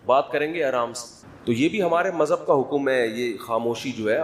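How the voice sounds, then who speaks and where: A middle-aged man, preaching in a conversational sermon, prodding listeners for answers and joking. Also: mid-range voice. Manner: conversational, humorous, prods the audience for answers. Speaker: religious scholar.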